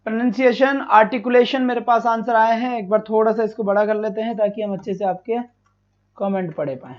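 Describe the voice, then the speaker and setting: A man with a fairly high voice teaches a live online exam-prep class in a chatty, repetitive way, asking a question and then answering it himself. He tells off students who come late. The stream audio sounds somewhat dull and lo-fi. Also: fairly even intonation, a little fast.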